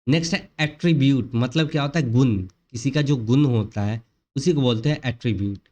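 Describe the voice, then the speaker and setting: A man gives an online vocabulary lesson in a mid-pitched voice. He keeps asking his class questions and then answering them himself, and he goes back over each word with patient repetition. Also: fairly quick, a little mellow. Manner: asks questions and answers them himself, repeats key words. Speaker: English vocabulary teacher. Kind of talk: explanatory online lecture in Hinglish.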